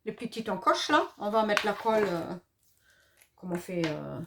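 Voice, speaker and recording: A woman's voice: medium pitch, sing-song, normal speed, gravelly, noisy background. Chatty French-accented woman crafting. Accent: regional French. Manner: chatty, hesitant, many fillers. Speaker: papercraft demonstrator. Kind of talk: casual craft tutorial.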